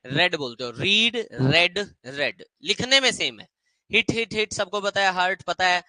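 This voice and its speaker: A man teaching English grammar in a lively classroom lecture, repeating words as drills and slowing right down on English phrases. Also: high voice, dry recording, rough recording.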